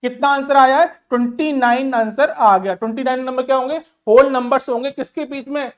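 A man's voice: very high-pitched, a little fast. A man teaching an exam-prep math lesson, repeatedly asking rhetorical questions and answering them himself, and calling listeners "my dear". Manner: calls listeners "my dear", mixes English terms into Hindi; counts numbers aloud in steady rhythm.

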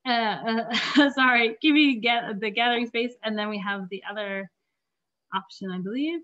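Woman planner, strained voice going, halting delivery with throat clearing, lo-fi call audio. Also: fairly high pitch, a bit bright. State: losing her voice. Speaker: park planner presenting at a community meeting. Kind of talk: presentation over slides. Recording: dull lo-fi meeting audio.

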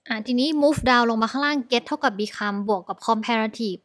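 A woman with a Thai accent, teaching English vocabulary online, explaining in Thai and mixing in English words with many soft particles. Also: on the high side, a little slow.

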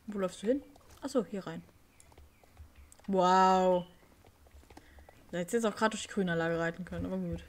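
A woman's voice: on the low side, moderate pace, pauses often. A woman casually commenting while playing a horse-riding game, thinking aloud. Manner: chatty, thinks aloud with fillers. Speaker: let's play host.

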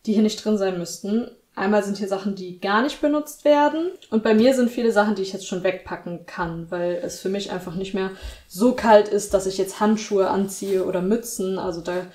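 A woman's voice: mid-range voice, moderate pace, darkish tone. A young woman in her twenties talks casually to the camera in a lifestyle vlog. She sounds chatty and upbeat as she lists her chores in a small apartment. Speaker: lifestyle vlogger. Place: small bright apartment room, indoors.

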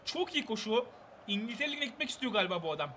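Excitable young man shouting gameplay commentary. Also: high voice, fast talker. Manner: excitable, shouts at players, bursts of laughter. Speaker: gaming channel host.

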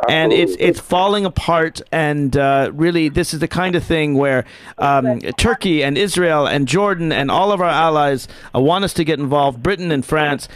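A man in his forties hosts a radio talk show from a small home studio, wearing headphones and leaning into the microphone. He talks earnestly and emphatically, with a slightly raised pitch. The sound is dry and close. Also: dry recording. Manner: earnest, emphatic, repeats words when starting. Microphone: studio mic with headphones.

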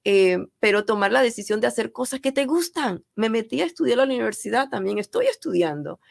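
A middle-aged Panamanian woman speaks as a guest in a studio interview, earnest and emphatic, often repeating a phrase to drive it home. Her voice has a gravelly, fry-touched edge. The sound is close and dry, with no room around it. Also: on the high side, expressive, fairly quick, dry recording. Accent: Panamanian Spanish. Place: radio studio.

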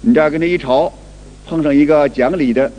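Speaking briskly in a slightly high, dark voice, a man lectures on qigong, acting out everyday moments and repeating and restarting what he says. The hall gives the recording a long reverb.

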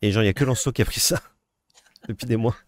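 Speaking rapid-fire at a medium pitch, a male co-host of a card game video keeps up casual gameplay chat, ribbing his partner and musing aloud over his plays. The recording sounds dry.

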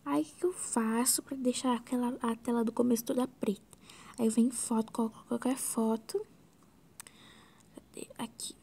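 A Brazilian woman talking through a screen tutorial, her voice slightly high with a gravelly fry and a mellow, dark tone. She drifts into soft whispers and mutters exclamations to herself as she clicks along. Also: fairly even intonation, moderate pace, pauses often. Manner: chatty and scattered, often dropping to a soft whisper, exclaiming to herself. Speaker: video editing tutorial host. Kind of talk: casual screen-recorded tutorial.

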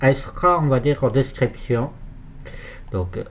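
A man giving a casual, hesitant shoutout for another channel while filming his computer screen, with many fillers and restarts. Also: mid-range voice, lively intonation, normal speed, a little hiss or hum. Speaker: youtuber. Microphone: phone filming a monitor. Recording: dull lo-fi phone recording.

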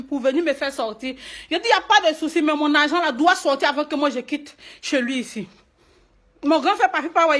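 A woman's voice: sits high, fairly bright tone. An upset woman speaking live in a video, tearful and repeating herself as she pleads her case. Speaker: singer and stage performer. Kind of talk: emotional live video rant. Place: indoors in a private home.

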